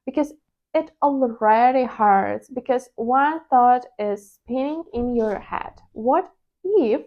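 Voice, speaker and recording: This trading vlogger, a native Ukrainian speaker with an accent to match, talks openly and thoughtfully to her viewers in a personal monologue. Her voice sits on the high side with a darkish tone, the treble is rolled off, and she slips in the occasional hesitant "uh" as she confesses her thoughts.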